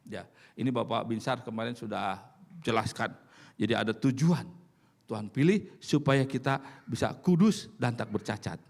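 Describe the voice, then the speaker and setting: A man's voice: mid-range voice, normal speed, gravelly. An older man preaching a sermon, with a touch, folksy and full of acted-out voices and laughter. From Indonesia. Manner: lively, folksy, acts out voices, laughs often. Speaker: pastor.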